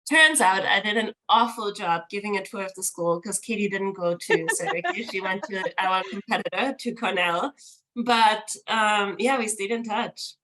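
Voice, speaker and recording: Woman, 30s, architect, conversational interview, animated storytelling, filler words. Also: mid-range voice, moderate pace, poor audio. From Austria. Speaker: architect, studio co-founder.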